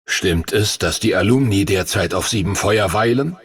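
A man voicing an ancient, gruff male dragon mentor who speaks slowly and gravely in a deep, stern voice. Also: a bit bright, no room sound, clean studio sound. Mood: scolding. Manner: stern, scolding, ominous.

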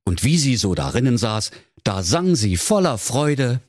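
A man narrating a comic fairy tale in a lively, playful storytelling manner, with a husky voice. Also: mid-range voice, measured pace, no echo, clean studio sound.

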